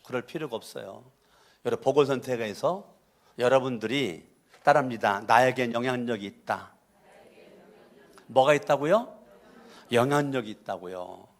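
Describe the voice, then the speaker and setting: A pastor from Chungcheong preaching a sermon, emphatic and repetitive, often calling on the congregation to answer. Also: male voice, medium pitch, normal speed, long pauses. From Chungcheong, Korea. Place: church sanctuary.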